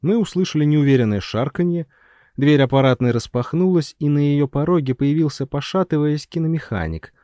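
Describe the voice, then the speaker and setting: A man narrating a novel in the first person as an expressive audiobook storyteller. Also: on the high side, fairly quick, dry recording, studio quality.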